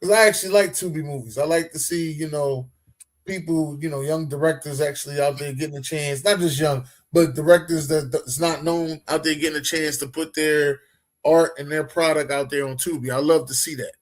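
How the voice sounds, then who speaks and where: A man co-hosting a podcast in casual chat, laid-back and slangy, telling animated stories. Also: fairly high pitch, fairly quick. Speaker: podcast co-host.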